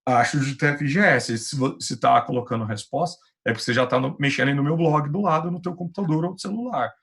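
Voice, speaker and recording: A man's voice: a little high, fast, creaky, fairly bright tone. A male physics teacher with a Brazilian Portuguese accent, giving an online class in a patient, reassuring, chatty way over a computer mic.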